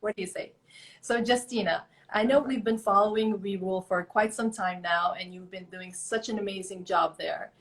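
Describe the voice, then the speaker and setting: A woman hosting a live online interview keeps things friendly and upbeat, making small talk as she waits for her guest. This podcast host has a steady, mid-range voice that's a bit bright, at a moderate pace. The echoey room carries faint background noise.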